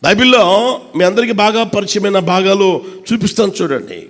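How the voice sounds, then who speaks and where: A man, with long reverb ringing through the church hall. His sermon swings from impassioned shouts down to hushed, low asides. He keeps repeating phrases and calling out to his congregation. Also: animated, fairly quick. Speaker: pastor. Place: church service.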